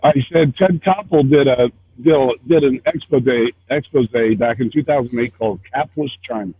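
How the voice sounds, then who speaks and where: A man whose voice comes through muffled, as if from behind a wall, over a narrow, phone-like line. His tone is husky, and he keeps asking questions with steady persistence. He is calling in over a headset. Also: mid-range voice, normal speed, no echo. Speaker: caller on a livestream. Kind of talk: casual call-in chat.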